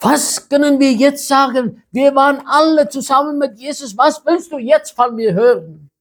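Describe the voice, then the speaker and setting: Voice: high voice, voice pushed up. Preacher voicing a bewildered disciple. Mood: distraught. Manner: pleading, rapid-fire questions. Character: bewildered grieving disciple of Jesus.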